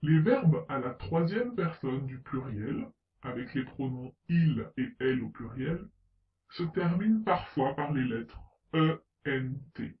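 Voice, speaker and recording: Slow, deliberate male teacher in a roomy echo. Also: medium pitch, lively intonation. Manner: slow, deliberate, spelling out letters and example words. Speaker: French pronunciation teacher. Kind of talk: scripted lesson narration. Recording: roomy, distant, slightly dull sound.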